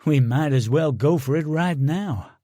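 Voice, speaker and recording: Brash army sergeant voiced by a man, cocky needling banter, audiobook figure, slightly high voice. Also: a little slow, dark tone, no echo, studio quality. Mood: taunting. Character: brash, mocking male American Delta Force sergeant.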